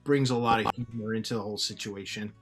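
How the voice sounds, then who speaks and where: A man co-hosting a music talk show, recounting at length with hesitant, halting phrasing. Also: on the low side, fairly even intonation. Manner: hesitant, many fillers and restarts while recounting. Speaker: podcast co-host. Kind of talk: casual chat.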